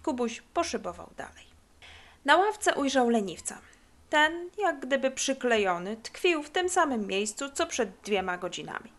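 A woman narrating a children's book in a lively, expressive way. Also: sits high, a little slow. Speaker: audiobook reader.

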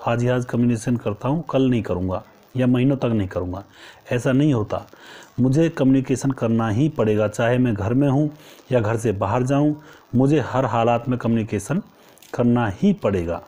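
A man's voice: mid-range voice, dark tone. A male teacher giving an exam-prep lecture, asking rhetorical questions and answering them himself, and repeating key phrases for emphasis.

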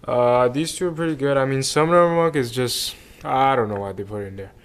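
A man with a smooth, clear, mid-pitched voice gives casual unboxing commentary for his online video. He is laid-back and slangy, often muttering half to himself as he goes. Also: a little fast. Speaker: YouTube host. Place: carpeted room at home.

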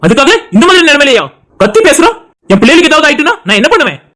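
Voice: mid-range voice, rapid-fire, lightly acted. Someone voicing a stern short-tempered husband. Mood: scolding. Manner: commanding, scolding. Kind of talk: cartoon drama voice acting.

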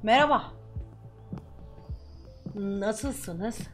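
A young woman commentating while she plays a game, chatting to herself and breaking into loud swearing shouts. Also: medium pitch, extremely slow, faint music behind. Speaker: gaming streamer.

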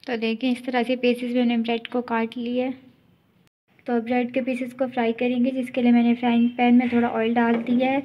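A woman hosting her home cooking channel, explaining each step in a steady voice-over. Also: a little high, brisk, lo-fi sound, slight background noise. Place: home kitchen.

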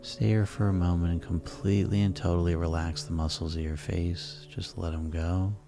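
Very deep, soothing male sleep hypnosis guide. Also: flat delivery. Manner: soft, soothing, unhurried delivery with pauses. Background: relaxation music.

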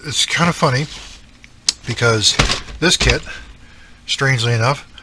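A middle-aged man with an East Coast Canadian accent hosts a scale modelling channel, chatting casually about his hobby. His medium-pitched voice moves at a measured pace over heavy background noise, and he rambles with lots of ums and self-deprecating asides.

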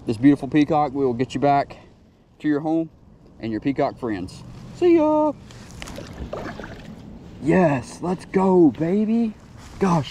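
Recorded outdoors by a lake on a chest-mounted action camera, an excitable young man narrates his fishing and talks to the fish while he fights them. His mellow, warm voice is fairly high-pitched, with a faint hiss of wind and ambience behind it.

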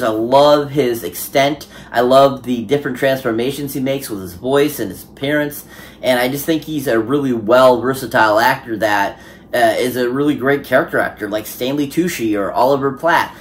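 A man giving a casual spoken film review, enthusiastic and rambling, with many fillers and restarts. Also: mid-range voice. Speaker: movie reviewer.

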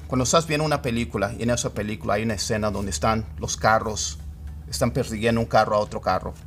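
A man teaching English idioms. He explains patiently and repeats phrases slowly, word by word. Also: medium pitch, a bit bright. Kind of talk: Spanish-language lesson on English idioms.

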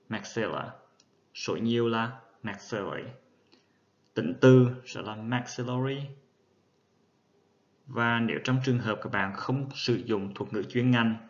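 A man giving a methodical, patient lecture on dental terminology, spelling out each term step by step. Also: lowish voice. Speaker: dental instructor. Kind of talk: explanatory lecture. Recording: dull lo-fi recording.

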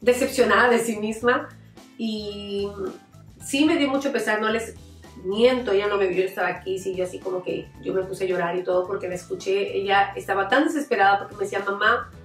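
A woman's voice: medium pitch, fairly quick. Woman, middle-aged, mother, heartfelt testimony, reflective, restarts, echoey room, mic a little far off. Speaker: mother of a former camp participant. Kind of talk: interview, personal testimony. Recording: echoey room, mic at a distance, faint music.

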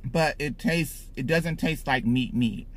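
A man's voice: mid-range voice, a little slow. A man reviewing food in a casual vlog, talking to viewers while chewing with his mouth full. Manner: relaxed, talks to viewers, laughs between bites.

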